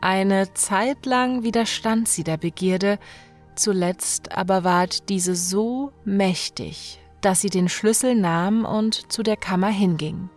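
A woman narrating a fairy tale with slow, dramatic storytelling and hushed moments. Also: medium pitch, faint music behind.

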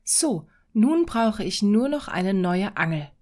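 A woman's voice: medium pitch, very animated, slow pace, darkish tone. A woman voicing a poor, modest fisherman in a fairy-tale reading, in a plain, sensible tone. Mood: plain, hopeful.

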